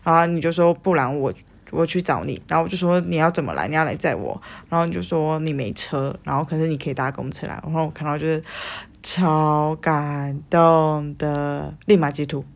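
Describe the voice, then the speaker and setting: A young Taiwanese woman tells a story on a podcast in a lowish voice with a gravelly edge. She acts out her own lines and drops casual curses as she goes. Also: a little fast. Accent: Taiwanese Mandarin. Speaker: podcast co-host.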